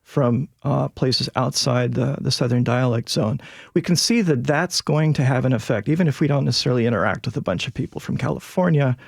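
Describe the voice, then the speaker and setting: Creaky Northern American man explaining. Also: mid-range voice, a little fast, no room sound, studio quality. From northern United States. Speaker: linguist guest. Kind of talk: explanatory panel talk.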